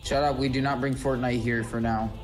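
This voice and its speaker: A man's voice: mid-range voice, level tone, soft background music. A young man chatting casually over a game, blunt and swearing now and then. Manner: blunt, swears, quick to shut others down. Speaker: guest co-commentator. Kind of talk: casual gameplay chat.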